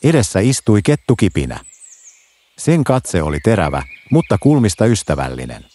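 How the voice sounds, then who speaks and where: Low-voiced man narrating a children's story. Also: big pitch swings, mellow, a little hiss or hum.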